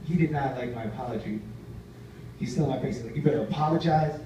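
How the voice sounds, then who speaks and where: A man's voice: medium pitch, fast talker. Stand-up comic man in an echoey room. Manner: storytelling with acted quotes of other people. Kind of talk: stand-up routine. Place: live cafe venue. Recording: very echoey room, distant mic, noisy ambience.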